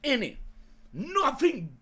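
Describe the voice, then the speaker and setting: A young man with a raspy, creaky voice doing excited live reaction commentary in slangy, hyped-up bro talk that bursts into shouting. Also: extremely high pitch, takes it slowly. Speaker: YouTube anime reaction host.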